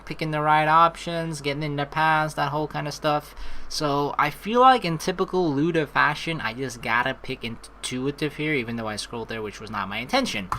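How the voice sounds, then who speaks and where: Pitched on the high side, this man's bright, forceful voice carries his rambling, jokey commentary as he plays through a video game, reading game text aloud and swearing at times. There's background music and slight background noise.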